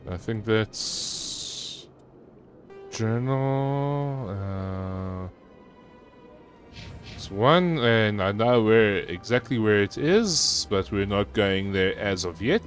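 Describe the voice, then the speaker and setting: A man's voice: lowish voice, animated, drawn-out words, faint music behind. A man giving casual, muttered and hesitant gameplay commentary as a streamer. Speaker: game streamer.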